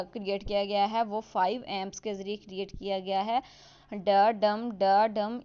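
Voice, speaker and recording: Clear-voiced woman teaching a lesson. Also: fairly high pitch, warm tone. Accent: Indian or Pakistani. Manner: mixes English terms into Hindi-Urdu, reads definitions slowly. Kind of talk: explaining a lesson. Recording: dull lo-fi sound.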